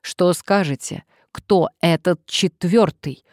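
A woman's voice: lowish voice, slow pace, darkish tone, no echo, clean studio sound. A woman reading an audiobook, voicing a pushy woman sleuth who barks orders in a commanding tone. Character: determined, bossy woman sleuth, middle-aged.

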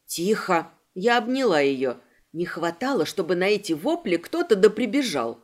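A woman giving wry, brisk first-person audiobook narration. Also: medium pitch, big pitch swings.

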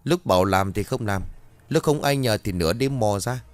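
A man voicing a gruff older clan elder who scolds and grumbles at his family. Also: lowish voice, moderate pace, no room sound, lightly acted. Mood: scolding.

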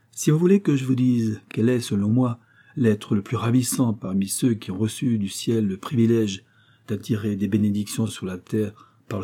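A man reading aloud, voicing a lovestruck young gentleman who speaks in an ardent, pedantic way. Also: on the low side, husky.

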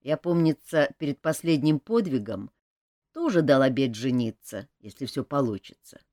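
A woman's voice: extremely low pitch, expressive, normal speed, warm tone, dry recording, studio quality. A woman reading an audiobook, voicing a touchy male paladin who blusters and takes offence. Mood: brisk. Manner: indignant, blustering. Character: hot-tempered male paladin, touchy and bluff.

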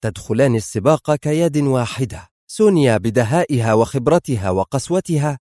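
A man reads a spy thriller aloud in a steady, dramatic storytelling voice of medium pitch. The recording is close and dry, with no room sound. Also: brisk, dry recording. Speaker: narrator. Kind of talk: scripted audiobook narration.

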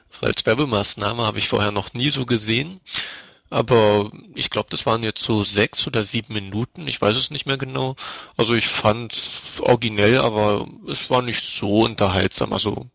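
A man's voice: fairly low pitch, gravelly, fairly bright tone, slightly rough, dry recording. A man co-hosting a casual fan podcast, easygoing and hedging his views. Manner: easygoing, hedging, many fillers. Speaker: podcast co-host.

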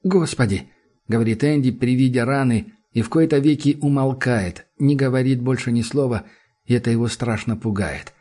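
Brief: husky male narrator, mid-pitched, steady audiobook reading. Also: moderate pace. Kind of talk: scripted narration.

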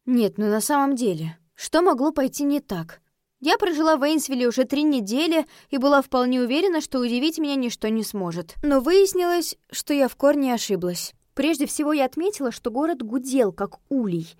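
A woman reading a first-person fantasy novel aloud, lively and expressive. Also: high-pitched, a little fast, no room sound, clean studio sound. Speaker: audiobook narrator.

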